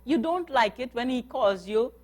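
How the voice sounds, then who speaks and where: A woman's voice: on the high side, animated, moderate pace, a little mellow. A religious sister giving a workshop talk to a live group, earnest and coaxing, often putting questions to her listeners. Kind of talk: workshop talk on nonviolent communication.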